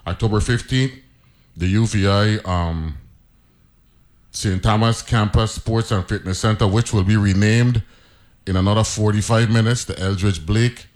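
Man, Crucian accent, radio host, chatty, repeats words, lowish voice. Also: moderate pace, darkish tone. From St. Croix, US Virgin Islands. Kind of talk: casual radio talk show.

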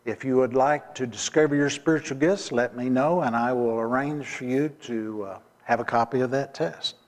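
A man, the pastor, preaching a sermon deliberately and asking the congregation rhetorical questions. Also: mid-range voice. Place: church sanctuary. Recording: long reverb of a church hall.

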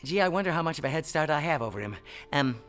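A man voicing a boastful, teasing male hare in a told story, talking fast and mocking. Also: fairly high pitch, animated, fairly bright tone, soft background music.

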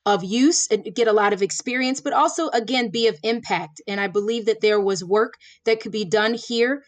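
A woman in her forties from Florida, a former prosecutor, answering interview questions in a measured, earnest way with many fillers. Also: mid-range voice, no room sound. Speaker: judicial candidate, former prosecutor.

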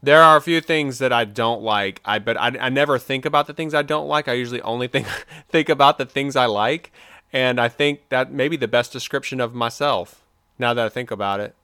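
Animated man, bright dry voice. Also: medium pitch, brisk, clear, resonant tone, dry recording. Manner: animated, opinionated, playful. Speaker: podcast co-host. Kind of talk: casual chat. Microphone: remote video call.

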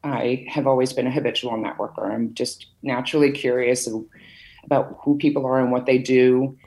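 A woman's voice: extremely low pitch, steady tone, normal speed, mellow, low-quality recording. Chatty middle-aged woman. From Massachusetts, USA. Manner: chatty, storytelling, many fillers. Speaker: podcast guest. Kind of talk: conversational interview.

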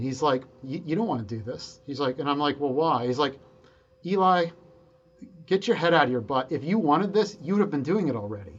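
A man telling stories from his engineering career in a casual conversation, lively and quick to act out the people he quotes. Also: on the high side, lo-fi sound. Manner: animated storyteller, quick to quote himself and others. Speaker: guest engineer.

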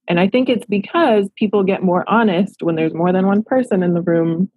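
A woman in her thirties from Los Angeles, a therapist who owns her own practice, answers interview questions in a reflective, earnest way. Her mid-range voice is warm and husky, at a moderate pace, on a dry recording with poor audio.

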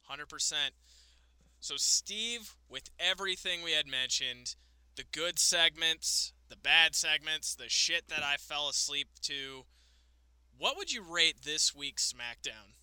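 A man co-hosting a casual wrestling review podcast, excitable and swearing freely, with lots of "like". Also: a little high, slow, clean tone, no room sound. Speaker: podcast co-host.

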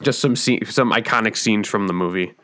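A man co-hosting a podcast in casual chat, pausing and searching for his words. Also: fairly low pitch, sharp tone. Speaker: podcast co-host.

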